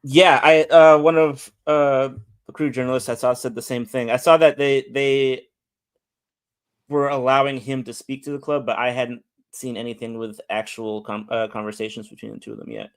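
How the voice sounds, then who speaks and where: A man's voice: mid-range voice, little pitch movement, moderate pace, clear, resonant tone. A man with an American accent chatting casually as an interview guest, often repeating words as he thinks. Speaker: podcast guest, soccer fan.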